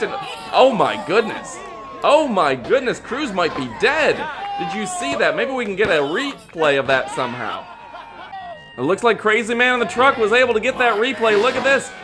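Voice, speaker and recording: High-pitched man calling lucha libre wrestling. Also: noisy background. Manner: hyped promotional announcing with dramatic exclamations. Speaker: wrestling commentator.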